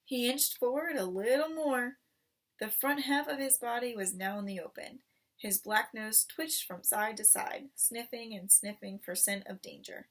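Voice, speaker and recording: Reading a children's story aloud, a woman narrates expressively in a fairly high pitch and a little slowly. She's recorded at some distance from the microphone.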